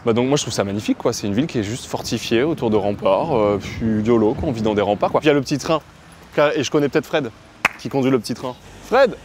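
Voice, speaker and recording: Brief: young streamer from Avignon, chatty and joking, walking tour outdoors, faint street noise. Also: male voice, medium pitch. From Avignon, France. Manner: chatty, joking, slangy, lively. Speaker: streamer giving a city tour. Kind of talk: casual walking tour chat.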